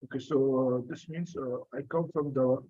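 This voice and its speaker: A man's voice: medium pitch, fairly even intonation, moderate pace, warm tone, breathy edge, highs cut off. A man teaching an online French class, patiently coaxing students for answers, with many fillers and coughs. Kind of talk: live online class lecture.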